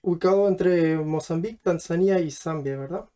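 A man hosting a podcast who introduces the episode and asks his guests guiding questions in a measured way. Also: on the high side, mellow, clean tone. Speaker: podcast host and interviewer. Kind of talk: scripted intro, then casual interview.

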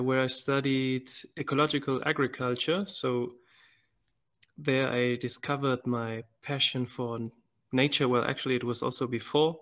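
A man raised in Germany, introducing himself as a podcast co-host in a measured, plain way. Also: medium pitch, a bit bright. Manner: measured, plain, slightly hesitant.

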